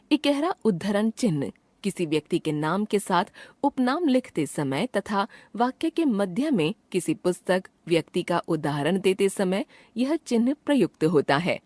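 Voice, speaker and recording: A woman reading a grammar chapter aloud as a lesson, in a clear, measured way, giving her example sentences some expression. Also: mid-range voice, darkish tone, no room sound. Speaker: teacher reading a textbook chapter. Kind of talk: scripted narration of a grammar lesson.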